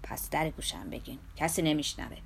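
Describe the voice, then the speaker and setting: Tender young man in love, read by a woman, gravelly, low-key, hushed. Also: a little hiss or hum. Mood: whispering. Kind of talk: audiobook dialogue reading.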